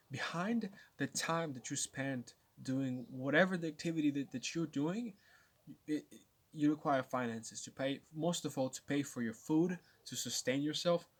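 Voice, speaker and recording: A nineteen-year-old man vlogging to his viewers, rambling and restarting often as he thinks aloud. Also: medium pitch. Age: late teens. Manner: rambling, with many restarts and stammers. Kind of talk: casual talk to camera.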